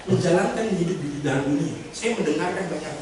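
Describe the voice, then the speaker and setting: A man's voice: fairly high pitch, fairly quick, a little mellow, slight background noise. Male preacher, dramatic acted sermon, pleading, big echoey church hall, distant mic. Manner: dramatic, plays a pleading sinner, addresses the congregation.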